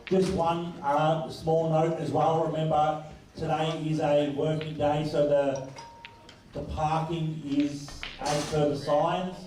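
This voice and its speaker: A man's voice: a little high, level tone, slow, warm tone, a little hiss or hum. A man making public announcements to players as a tournament director, in a matter-of-fact, office-paging manner. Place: large busy indoor hall. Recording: very echoey hall, distant, crowd chatter.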